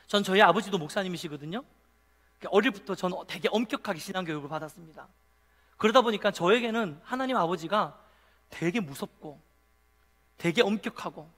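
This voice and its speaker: High-voiced pastor in a reverberant church. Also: male voice. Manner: animated storytelling, acting out scenes and asking the congregation questions. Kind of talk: sermon to a youth service. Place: church sanctuary. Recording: long reverb of a church hall.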